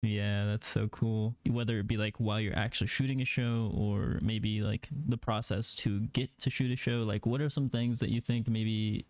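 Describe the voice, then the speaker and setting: A man's voice: on the low side, little pitch movement, normal speed, few pauses, a little mellow, no room sound. Young man, from Mexico, interview host, easygoing rambling questions, dry close sound. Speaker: podcast host. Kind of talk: casual interview hosting.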